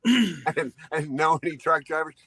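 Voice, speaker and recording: A man in his fifties rambles through his trucking stories, laughing as he goes and acting out the people he met. His voice sits a little high for a man. The sound is close and dry with no room in it. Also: animated, normal speed, sharp tone, no echo, poor audio. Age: 50s. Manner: rambling anecdotes, laughs often, acts out dialogue. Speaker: truck driver guest. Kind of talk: storytelling interview.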